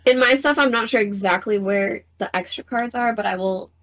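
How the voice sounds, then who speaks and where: A woman's voice: medium pitch, normal speed, fairly bright tone. A woman guest in a tabletop card game session, chatting in an upbeat way. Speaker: guest player. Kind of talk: casual chat during a tabletop game.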